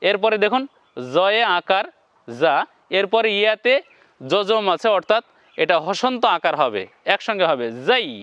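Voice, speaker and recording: A man teaching Quran reading in a slow, step-by-step lesson, spelling out syllables one by one and then chanting the whole words. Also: high voice, sing-song, a bit bright, smooth, no echo, lo-fi sound.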